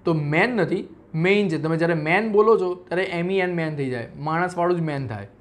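A man's voice: fairly high pitch, fairly quick. A man with a Gujarati accent teaching English pronunciation, spelling words out letter by letter and acting out common mistakes. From Gujarat, India. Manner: acts out common mispronunciations with everyday examples. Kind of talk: teaching lesson.

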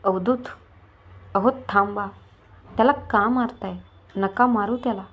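A woman's voice: medium pitch, fairly even intonation, moderate pace, a little mellow, close to an everyday voice. A woman voicing a young wife who cries out and pleads with her husband in a storybook reading. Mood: pleading. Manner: pleading, crying out.

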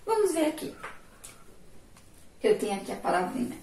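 A woman teacher with a Sergipe Brazilian accent, giving a remote lesson, stretching syllables slowly and praising her pupils' answers. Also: medium pitch, big pitch swings, a little mellow, a little hiss or hum. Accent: Sergipe Brazilian Portuguese. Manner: slow, drawn-out syllables, asks pupils questions and praises answers. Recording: echoey room, voice far from mic.

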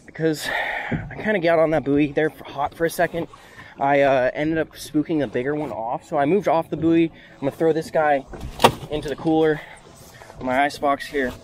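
Out on the water in a small open flats boat, a young man narrates his casual fishing vlog to a boat-mounted action camera. His voice is on the high side with fairly even intonation and normal speed, upbeat as he works the line amid wind and boat noise.

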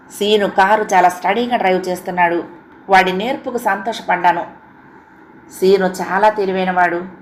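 A woman narrating a first-person audiobook story with an expressive, emotional reading. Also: fairly low pitch, slight background noise.

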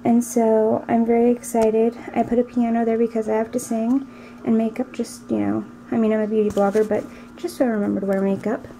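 A woman's voice: fairly high pitch, little pitch movement, fairly quick, vocal fry, mellow, slight background noise, poor audio. Chatty young woman showing off hauls. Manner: chatty, gushing, filler-heavy with "like". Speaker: beauty and planner vlogger. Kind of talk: casual show-and-tell vlog. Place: at home indoors.

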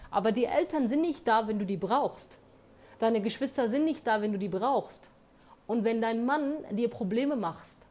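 A woman's voice: mid-range voice, warm tone. Earnest woman giving emphatic advice. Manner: earnest, emphatic, with frequent tag questions. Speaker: advice vlogger. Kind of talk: motivational monologue. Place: indoor room.

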